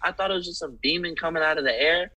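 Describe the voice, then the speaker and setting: A young-sounding man talks in loose, animated bursts, piling on fillers and squeamish exclamations. His voice is very bright and edgy, with a husky, breathy grain. It feels like relaxed podcast chat. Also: on the high side, fast, poor audio. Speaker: podcast guest. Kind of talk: casual chat.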